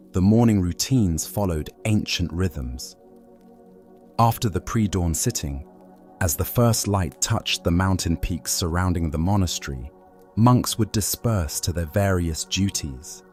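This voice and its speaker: A man calmly narrating Buddhist teachings and stories as a soothing, scripted sleep narration. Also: low-pitched. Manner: calm, measured, soothing.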